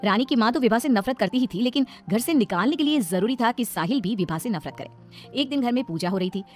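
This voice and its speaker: Brisk woman storybook narrator. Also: fairly high pitch, animated, faint music behind.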